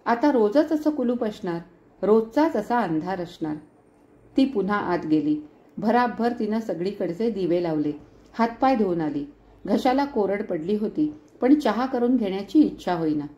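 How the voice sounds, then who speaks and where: A woman reading a novel aloud in a measured, expressive storytelling style with reflective pauses. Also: medium pitch, muffled recording. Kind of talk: storytelling narration.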